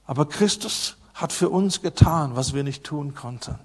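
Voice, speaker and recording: A man with a notably high voice preaches a sermon, hammering home key phrases by repeating them. He surges loud on his main points, then drops into quiet, low asides. He sounds middle-aged. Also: expressive, normal speed, husky. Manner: emphatic, repeats key phrases, swings between loud and soft.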